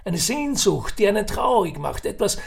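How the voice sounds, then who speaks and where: A man's voice: sits high, sing-song, normal speed, creaky, pitched above the performer's own voice, full character voice. A man voicing an older, chatty and scheming businessman in an audiobook reading. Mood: persuasive. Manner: persuasive, wheedling, talkative.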